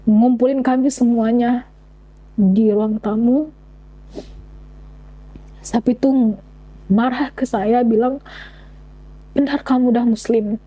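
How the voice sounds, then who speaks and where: A young woman giving an earnest personal testimony, speaking in halting phrases with many restarts. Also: fairly high pitch, mellow, poor audio. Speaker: convert sharing her story.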